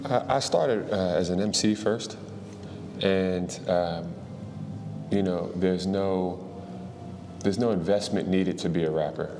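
A man from the Washington, D.C. area, a hip-hop artist answering interview questions in a relaxed way, thinking aloud with fillers. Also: sits low, slow. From Washington, D.C. area, USA. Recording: long reverb, faint noise.

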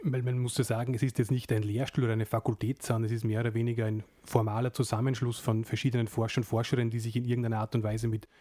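A man interviewing a guest, asking brisk, even questions. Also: medium pitch, no echo. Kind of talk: radio-style interview questions.

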